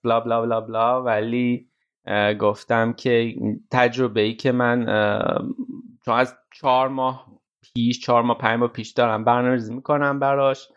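A man talking casually as a podcast guest, his voice flat and even with little rise and fall. The sound is dull and lo-fi, like a remote connection. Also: mid-range voice. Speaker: guest contributor. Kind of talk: casual chat.

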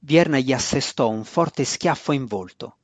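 A man reading a fantasy novel aloud as audiobook narrator, in a measured storytelling voice. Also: medium pitch, no echo.

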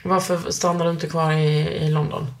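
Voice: mid-range voice, little pitch movement. Curious interviewer asking probing questions. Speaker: podcast host interviewer. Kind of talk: casual interview conversation.

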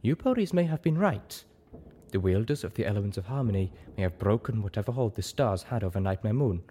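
This audiobook clip features a man playing a calm, watchful female zebra whose speech is frank, formal, and measured. The voice is lowish and slightly rough.

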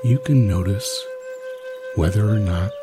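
A man narrating a guided sleep meditation like a sleep story, soothing and unhurried, with long pauses between phrases. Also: lowish voice, music in the background.

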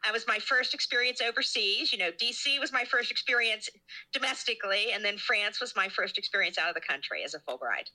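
A woman's voice: medium pitch, lively intonation, fairly quick, pushed and bright, low-quality recording. A middle-aged woman, a guest scholar in an interview, telling stories in a chatty, self-deprecating way. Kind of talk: casual interview chat.

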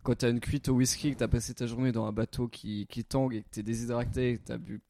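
A man's voice: medium pitch, flat delivery, quick pace, gravelly, mellow, a little hiss or hum. A man casually telling a long anecdote on a podcast, rambling a little as he goes. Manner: rambling storyteller, many fillers and restarts. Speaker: podcast co-host.

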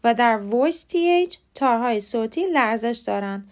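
A woman hosting a short podcast lesson, explaining pronunciation in clear, patient steps. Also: a little high, animated. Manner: clear, patient step-by-step instruction. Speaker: podcast host teaching English pronunciation. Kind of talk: scripted lesson narration.

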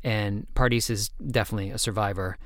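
A man hosts a podcast interview in a conversational, easygoing way, restarting his sentences now and then. His voice sits fairly low, and the recording is dry and close. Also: fairly even intonation, fairly quick, no room sound. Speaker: podcast host.

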